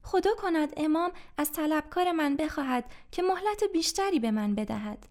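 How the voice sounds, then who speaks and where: A woman's voice: high voice, a little mellow, natural voice. A woman voicing a poor, ashamed grown man in debt, speaking humbly and hesitantly in a storybook reading.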